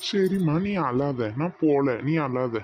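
A man's voice: on the high side, expressive, slow, a little mellow, a little hiss or hum. Man voicing a placating cartoon husband. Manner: placating, soothing. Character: mild husband caught between wife and mother.

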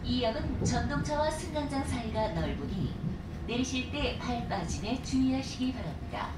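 A woman's recorded subway train station announcement in a calm, formal manner, played over the train's loudspeaker. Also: moderate pace. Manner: calm, even, formal delivery. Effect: heard over a train's loudspeaker. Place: inside a moving subway train. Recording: echoey far-off loudspeaker, loud train noise. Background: rumbling train noise.

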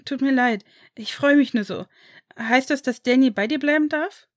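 A woman voicing an eager, excitable eleven-year-old boy in a storybook reading. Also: mid-range voice, moderate pace, no room sound, studio quality, lightly acted. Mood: excited.

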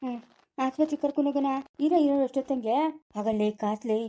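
A woman with a Chikkaballapura Kannada accent, loudly scolding in a rural family skit. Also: sits high, fast talker. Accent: Kannada, Chikkaballapura area. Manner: loud scolding village dialect.

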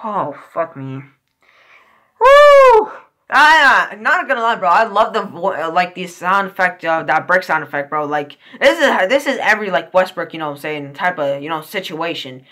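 A woman hosts a casual reaction video, talking in an excitable, slang-heavy way with frequent swearing. Her voice is bright and forceful. Her pitch jumps around in a lively way. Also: normal speed, hardly any pauses. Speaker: reaction channel host.

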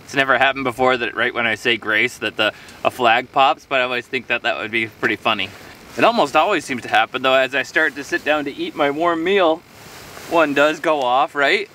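Middle-aged man, easygoing outdoor vlogger, chatty and meandering; bright tone, camera mic set back outdoors. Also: mid-range voice, brisk, recorded from a distance, slight background noise. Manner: rambling, easygoing, talking to himself while eating. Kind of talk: casual solo vlog. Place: outdoors on a frozen lakeshore in winter. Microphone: camera on a tripod a few metres away.

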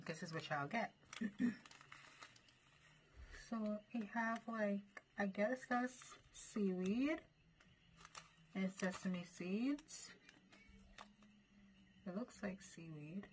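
A woman's voice: mid-range voice, animated, extremely slow, pauses often, fairly bright tone. A young woman chatting casually to her viewers in a food-challenge vlog, calling them y'all. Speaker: vlogger. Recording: noisy home recording.

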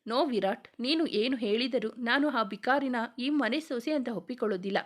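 A haughty, wealthy mother of the house, played by a woman with a slightly high voice. She talks down to everyone in a sharp, dismissive scolding tone, as in a spoken storybook. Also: moderate pace, close to an everyday voice. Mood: angry. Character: stern rich middle-aged mother.

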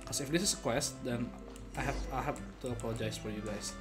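Over faint game music, a medium-pitched man streams his gameplay with quick, casual commentary. He mutters playfully to himself and every so often breaks into abrupt exclamations.

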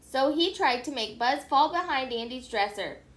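A woman reads a children's storybook aloud with expressive, animated delivery. Her voice is high, and the room around her echoes. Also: normal speed. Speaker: storybook reader. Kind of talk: reading a children's book aloud.

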